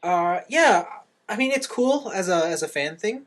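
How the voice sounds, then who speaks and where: A man's voice: high-pitched, expressive, normal speed. A man co-hosting a podcast, chatting casually and animatedly as he leads the segments. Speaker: podcast co-host. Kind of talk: casual chat.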